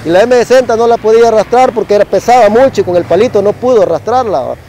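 Salvadoran ex-soldier, middle-aged man, high voice, chatty storyteller with a constant "va" tag and gunshot sounds. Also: fast talker, warm tone, slight background noise, poor audio. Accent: Salvadoran Spanish. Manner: tags nearly every phrase with "va", mimics gunshots. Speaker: former soldier telling a war story. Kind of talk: casual spoken storytelling.

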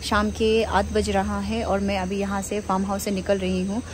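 A woman's voice: mid-range voice, completely flat delivery, normal speed. Young woman vlogger, casual and chatty, phone mic, noisy night ambience. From Arunachal Pradesh, India. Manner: chatty, laughs often, mixes English words. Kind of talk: casual vlog narration. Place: village outdoors at night and inside a bamboo house. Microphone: phone camera held at arm's length.

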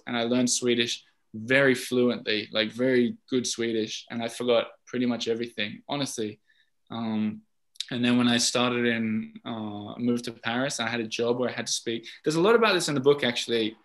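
A man's voice: mid-range voice, a bit bright. A man with an Australian accent, a podcast host, talking casually and rambling with lots of filler words on a video call. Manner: rambling, chatty, many fillers. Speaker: podcast host, guest speaker. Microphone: video call mic.

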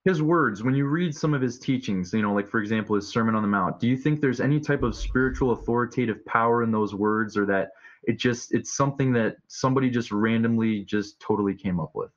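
Here a man in his thirties, a street preacher and debate guest, talks a little fast in a mid-range voice, pressing his case casually yet insistently with repeated key words and pointed questions. He's calling in by video from a room at home, and the sound is dull and lo-fi.

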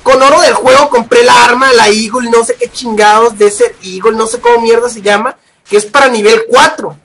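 A young man with a Mexican accent, giving loud, profane commentary over his gameplay and shouting at the game. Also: extremely high pitch, steady tone, normal speed, breathy edge. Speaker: gaming video creator.

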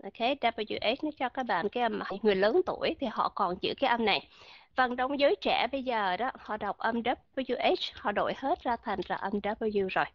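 A Vietnamese-speaking woman with a somewhat high voice leads an online pronunciation lesson. She explains step by step, pausing on fillers and often asking whether the class follows. The sound is dry and a little dull, like a modest home microphone. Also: no echo. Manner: explains slowly, many fillers, checks students understand. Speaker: English pronunciation teacher.

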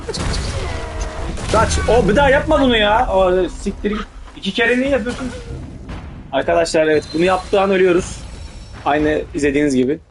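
A man doing casual gameplay commentary in street slang, swearing heavily and given to excitable, urgent outbursts. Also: fairly high pitch, background noise. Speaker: gaming video host.

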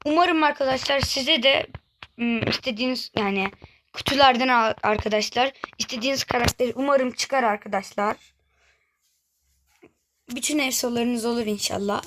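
A woman's voice: a little high, normal speed, fairly bright tone, slight background noise. A woman hosting a gaming channel, giving casual gameplay commentary and chatting straight to her viewers. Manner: chatty, keeps addressing viewers directly.

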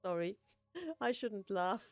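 Woman streamer, slow and chatty, slightly high, dry close sound, soft music behind. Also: dry recording. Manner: chatty, self-mocking, laughs often. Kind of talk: casual gameplay chat.

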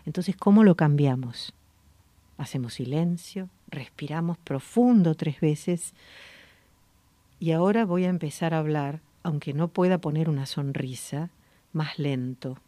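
Calm low-voiced Rioplatense woman coaching voice. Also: no echo. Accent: Rioplatense Spanish. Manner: calm, slow, guiding, demonstrates sounds. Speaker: voice coach and radio host. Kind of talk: gentle voice-coaching lesson. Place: radio studio.

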